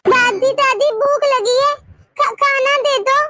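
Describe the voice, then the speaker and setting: A woman's voice: extremely high pitch, slow pace, background noise. A woman voicing a hungry little girl in a cartoon who whines for food. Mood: whining hungry. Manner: whiny, pleading.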